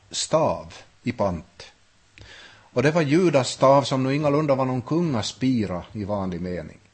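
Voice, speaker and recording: A man gives an unscripted Bible lesson, pausing and restarting as he works through ideas. His voice is husky and sits in a middling register. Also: mid-range voice, a little mellow. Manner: thoughtful, with frequent restarts and hesitations. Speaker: Bible teacher. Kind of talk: unscripted Bible study talk.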